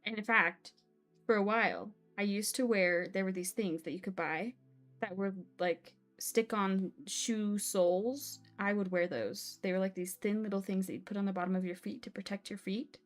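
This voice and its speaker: A woman's voice: medium pitch, moderate pace, soft background music. Bubbly young woman streamer chatting. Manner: bubbly, chatty, exclaims often. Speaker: live streamer. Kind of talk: casual live-stream chat while playing.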